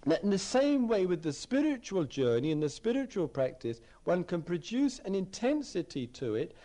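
A man's voice: high voice, very animated, moderate pace, warm tone. A man giving a dharma talk as a meditation teacher, reflective, often repeating phrases as he searches for words.

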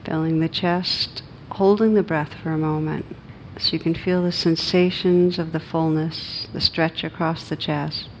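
The audio is poor: a steady, rumbling noise lies under a low-voiced female meditation teacher. She guides a meditation with little pitch movement, offering soft, unhurried directions and leaving long pauses between phrases.

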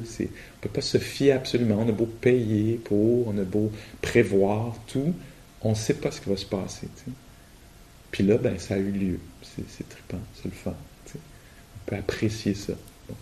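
Relaxed Québécois man giving a dharma talk. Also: on the low side, a little hiss or hum. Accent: Québécois French. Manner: relaxed, colloquial and humorous, laughing often. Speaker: meditation teacher. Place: retreat hall.

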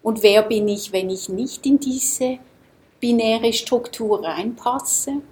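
Woman, Swiss-born, meditation teacher, calm reflective dharma talk, slow pace. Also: fairly high pitch. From Switzerland. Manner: calm, reflective, asks the listeners questions. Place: seminar room.

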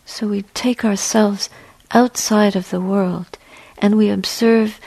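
A woman meditation teacher leads a guided meditation very slowly and gently, leaving space between short phrases as she guides listeners step by step in a measured way. Her soft, mid-range voice is husky with a creaky edge and fairly even intonation, and the recording is dry and rough.

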